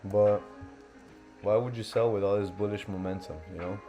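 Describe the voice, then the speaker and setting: A young livestream host and forex trader from Miami, USA, speaks at normal speed in a fairly low, steady voice. His talk is loose and casual, peppered with fillers as he thinks aloud, and faint lo-fi music plays behind him.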